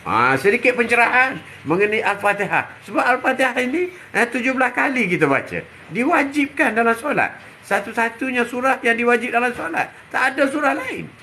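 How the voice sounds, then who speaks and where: A man's voice: very high-pitched, very animated, sharp tone, slight background noise. An older man giving a short religious sermon. He repeats himself often, keeps saying "ha" between phrases and stretches out his Arabic recitations. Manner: repetitive, punctuated with "ha", drawn-out Arabic recitations. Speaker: religious teacher.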